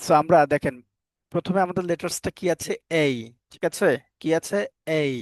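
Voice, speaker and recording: A man's voice: a little high, dry recording. A man teaching a live online English phonics class, asking the students questions over and over and scolding them firmly at times.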